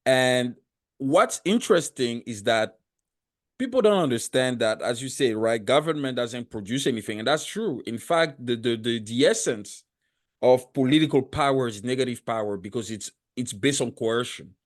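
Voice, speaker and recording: With lively intonation, a medium-pitched voice, and normal speed, a non-native English speaker hosts a casual podcast interview. He makes his case earnestly and argumentatively, one step at a time, frequently restarting and repeating words.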